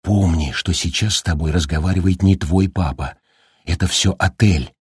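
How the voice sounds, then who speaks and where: A man voicing a frightened mother who speaks quietly and calmly in a husky voice. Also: low-pitched, moderate pace, no echo, studio quality. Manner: quiet and calm. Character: frightened but steady mother, woman.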